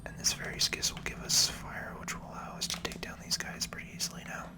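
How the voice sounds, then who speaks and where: Whispering softly and breathily, with creaky edges to the sound, someone narrates their video game play. The ASMR commentary is close to the mic, gentle, conversational and leisurely.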